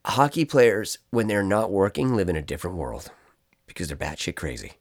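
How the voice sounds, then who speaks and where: Rambling, animated male storyteller. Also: deep voice, normal speed. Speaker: podcast storyteller. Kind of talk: casual chat.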